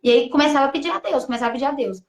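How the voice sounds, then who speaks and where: A woman tells her own story in a halting, emotional voice that keeps restarting and slipping into quoted thoughts. Her voice sits fairly high, and the room around her rings with echo. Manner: halting, full of restarts and quoted self-talk. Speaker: testimony guest. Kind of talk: emotional personal testimony. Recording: echoey room.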